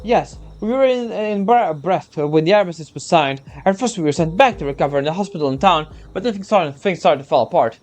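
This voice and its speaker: A man voicing a frightened, pleading soldier in a game story, earnest and halting. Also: high-pitched, lively intonation, a little mellow, faint music behind. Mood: earnest, worried. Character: Mikhail, pleading, frightened male wounded-army soldier. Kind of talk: game story read aloud.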